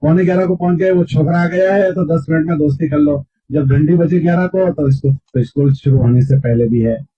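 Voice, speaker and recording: A husky, slightly high male voice delivers a sermon to students. He keeps questioning the listeners and acts out what people might say. The recording sounds dull and muffled. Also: a little fast, hardly any pauses. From India. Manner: asks the crowd questions and quotes imagined talk. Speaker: Islamic preacher.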